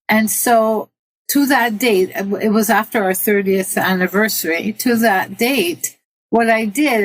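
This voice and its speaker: A woman's voice: mid-range voice, rough recording. An older woman from Italy talks through her own life as an interview guest. Her tone is earnest and practical, and she often stops to give direct advice to listeners. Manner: earnest, advice-giving, laughs at herself. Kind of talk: personal interview.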